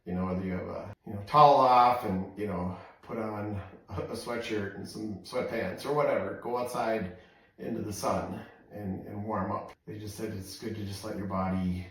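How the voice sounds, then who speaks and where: An American man chatting casually in a halting, rambling way with lots of "you know," as he sits in ice cold water for a vlog. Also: fairly low pitch, fairly even intonation. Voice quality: frequent "you know" filler, halting phrasing. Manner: talking while sitting in ice cold water. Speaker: vlogger doing a cold plunge challenge. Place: outdoor deck, in a cold plunge tub. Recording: very echoey, voice distant from mic.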